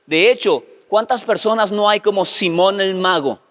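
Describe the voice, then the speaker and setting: A man's voice: high-pitched, moderate pace, fairly bright tone. A male preacher delivering a live sermon, emphatic and direct, often addressing the congregation with repeated phrases.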